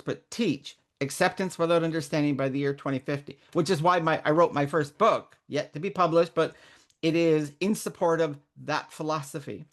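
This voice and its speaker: A middle-aged woman raised in Canada, speaking as a guest mentor in a candid interview, earnest and reflective, often restarting her sentences. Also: low voice. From born in Northern Ireland, raised in Canada.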